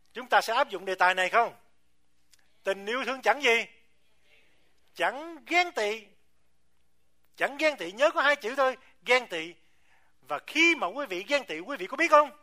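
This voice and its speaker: Man preaching, emphatic, keeps asking the church questions, high bright voice. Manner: emphatic, asks the congregation rhetorical questions. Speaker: pastor. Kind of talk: sermon.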